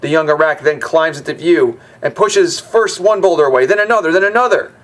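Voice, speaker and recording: A man's voice: a little high, animated, a little fast, fairly bright tone. A man hosting a gaming video, reading game lore aloud and breaking off for chatty, wry asides.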